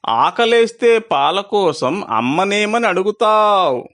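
A hungry orphaned kitten, voiced by a man, asks its questions in a slow, pleading sing-song. The voice sits somewhat high and stubbornly refuses every other animal's call. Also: animated, fairly bright tone, exaggerated voice.

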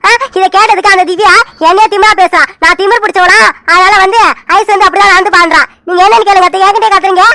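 A woman voicing a quarrelsome aunt in an animated joint-family drama, scolding sharply. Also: very high voice, quick pace, few pauses, a little hiss or hum, full character voice. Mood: complaining.

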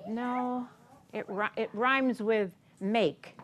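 A slightly high, fairly bright female voice moves at an extremely slow pace with fairly even intonation. She's an American in her sixties doing story time in a carpeted library program room, reading a picture book aloud to young children in a teacherly, sing-song manner and often prompting them with questions.

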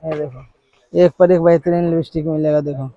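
Salesman rattling off prices, flat and dark. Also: on the high side, lo-fi sound. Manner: brisk, repetitive price-listing salesman patter. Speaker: wholesale shopkeeper. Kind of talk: sales pitch to a vlogger. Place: crowded cosmetics shop, indoors.

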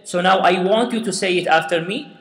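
This man sounds a bit bright, his voice sitting high and moving a little fast. He leads a slow, step-by-step Quran recitation lesson, patiently repeating sounds for learners to echo after him, in a room with long, echoey reverb.

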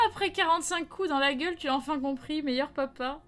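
A young woman streamer with a high, bright voice tells childhood stories with lively energy. She acts out the dialogue and chats casually with her viewers, with faint music playing under her voice. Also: fast. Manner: lively anecdote-telling, acts out quotes, reads chat. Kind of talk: casual live-stream chat and storytelling.

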